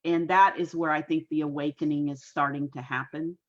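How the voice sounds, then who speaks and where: A woman in her sixties, a guest on an online interview, talking in an earnest, measured and folksy way. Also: sits low, fairly even intonation, lo-fi sound. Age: 60s. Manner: folksy, homespun phrasing. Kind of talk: casual interview talk. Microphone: video call.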